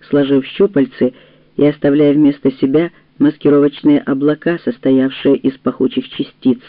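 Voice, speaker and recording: A woman reading an audiobook in a measured, deliberate narration. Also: low-pitched, no echo. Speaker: audiobook reader. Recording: tinny phone-like, dry sound.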